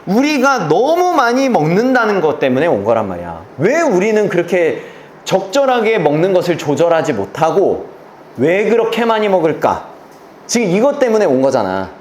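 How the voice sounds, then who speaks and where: A man's voice: sits high, wildly swooping pitch, moderate pace, slight background noise. A man teaching a class, lecturing through an exam passage and checking in constantly with rhetorical questions and blunt slang. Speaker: English teacher. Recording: roomy echo with faint ambience.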